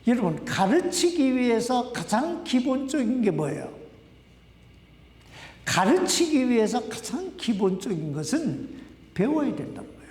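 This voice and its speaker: A man preaches in a lively, high-pitched voice that swings widely as he questions his listeners. His delivery is slow and deliberate. The sound carries the long reverb of a church sanctuary, heard from some distance. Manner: conversational preaching, asks the congregation questions. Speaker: pastor. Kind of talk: sermon. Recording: echoey hall, voice from a distance.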